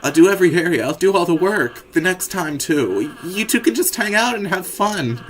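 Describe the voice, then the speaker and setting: A man voicing a gentle, timid young male goat prince from a game, speaking softly and slowly with a lot of stammering. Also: sits high, expressive, pitched above the performer's own voice. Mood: pleading. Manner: soft, stammering, apologetic, slow.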